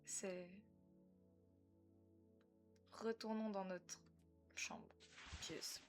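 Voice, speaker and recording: A woman giving casual commentary on a horror game, reacting excitedly and chatting with her viewers. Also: mid-range voice, drawn-out words, soft background music. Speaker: let's play gamer.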